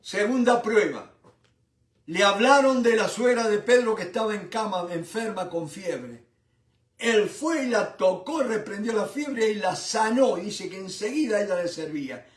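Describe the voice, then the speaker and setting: A man's voice: sits high, expressive, a little slow, reverberant, recorded from a distance. A man preaching a Bible study sermon with fervor, calling his listeners brothers. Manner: fervent, addresses listeners as brothers.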